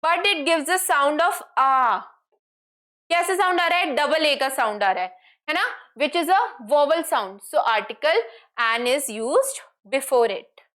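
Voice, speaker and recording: A woman with an Indian accent teaching an online grammar lesson. She explains slowly and asks her students questions that she answers herself. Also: sits high, expressive, a bit bright. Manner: explains slowly in English, then fast in Hindi, asking and answering her own questions. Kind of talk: online lesson, mixing Hindi and English.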